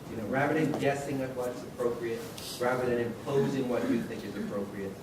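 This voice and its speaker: Fast-talking panelist, echoey and distant. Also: male voice, mid-range voice, steady tone. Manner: quick, emphatic, repeats himself. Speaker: legislator on a panel. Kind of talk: panel discussion remarks. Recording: echoey hall, distant mic, noisy.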